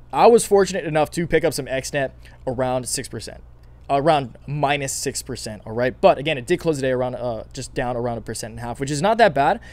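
A young man with a raspy, worn-out voice talks quickly through his stock trades. He rambles and circles back, piling on fillers as he explains his picks in a casual market vlog. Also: medium pitch, darkish tone, no echo. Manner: rambling, repeats himself, many fillers. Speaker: stock market video host.

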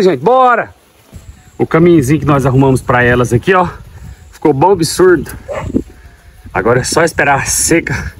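A man's voice: medium pitch, fairly bright tone. Tender farmer talking to his cows. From Goiás, Brazil. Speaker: farmer and vlogger. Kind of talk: casual farm vlog. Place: outdoors on a farm, by a corral.

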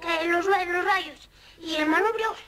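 A man's voice: very high-pitched, slow pace. A whiny crybaby overgrown boy. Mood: whiny sulk. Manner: whimpering, sulky childish talk. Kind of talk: vintage TV sketch comedy. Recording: noisy old TV broadcast audio.

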